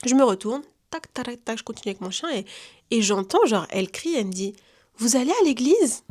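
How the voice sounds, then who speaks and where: Here a young woman from France tells a personal story in a loose, slangy way and keeps slipping into quoted voices. Her voice sits a little high for a woman, and she keeps a casual, chatty flow. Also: lively intonation, fast talker, a little mellow. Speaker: vlogger giving testimony.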